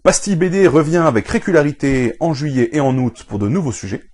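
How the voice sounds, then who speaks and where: Husky, animated comic reviewer. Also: male voice, on the high side, a little fast. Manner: animated, enthusiastic recommendations. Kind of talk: scripted review show.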